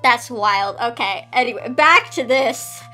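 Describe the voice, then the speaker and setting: A woman's voice: on the high side, unhurried, bright, forceful tone, faint music behind. A young woman reading an old fan story aloud, breaking off for giggly, sarcastic asides.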